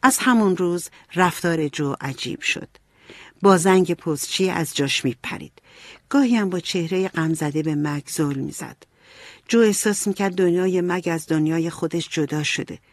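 A woman narrating a storybook in an even, clear storytelling manner. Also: on the low side, no room sound, studio quality. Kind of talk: storybook reading.

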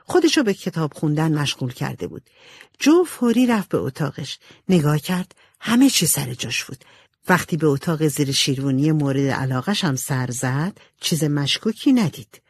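A woman narrating a storybook in an expressive, animated way. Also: low-pitched, slightly rough, no echo. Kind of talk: storybook reading.

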